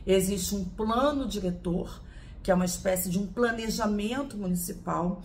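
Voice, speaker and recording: A woman's voice: medium pitch, moderate pace, darkish tone, a little hiss or hum. A woman from Brazil teaching a lesson, explaining step by step and answering her own questions. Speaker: law teacher.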